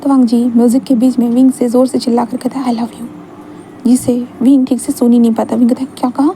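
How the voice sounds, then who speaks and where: A woman's voice: a little high, flat delivery, quick pace, warm tone, a little hiss or hum, poor audio. A woman narrating a fan fiction romance in a chatty, conversational way, like retelling it to a friend. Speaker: storyteller. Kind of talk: casual story narration.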